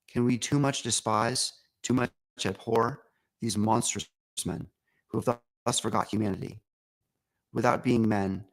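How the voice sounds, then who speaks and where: A man's voice: on the low side, poor audio. A man reading an old essay aloud in a formal, declamatory manner. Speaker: reader.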